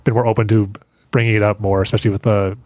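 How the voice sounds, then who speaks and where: A man hosting an interview, asking relaxed questions at an easy pace. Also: on the low side, rapid-fire, no room sound. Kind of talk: conversational interview.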